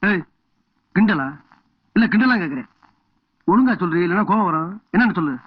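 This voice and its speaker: Vain village headman, high comic voice, bickering, repetitive, dull film audio. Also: expressive, fairly quick, a little hiss or hum. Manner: quarrelsome, repeats himself.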